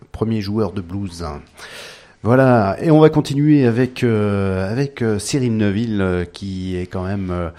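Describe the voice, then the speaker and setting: A man hosting a radio music show with a low voice. His tone is dark and mellow. He introduces tracks hesitantly, with plenty of fillers and restarts. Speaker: radio host.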